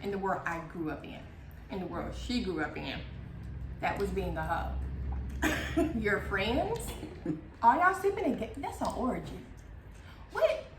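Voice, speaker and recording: A woman's voice: medium pitch, moderate pace, long pauses, noisy background. Woman co-host, casual slangy recap talk, echoey room. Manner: animated, laughs often, slangy.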